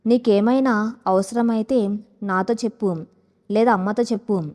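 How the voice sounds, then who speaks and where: Woman reads the controlling husband: quiet, clipped, commanding. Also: fairly high pitch, steady tone, measured pace, big-room sound, natural voice. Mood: irritated. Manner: quiet commanding tone, never raised. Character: stern controlling young husband, cold and calm.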